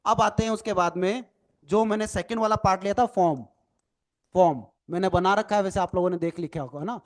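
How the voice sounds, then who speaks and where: A man's voice: sits high, brisk. A man teaching a recorded lecture as an NLP trainer, explaining step by step, spelling words out letter by letter and often adding "ठीक है ना" as a check. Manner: explanatory, repeats "ठीक है ना" tag questions; mixes English phrases into Hindi.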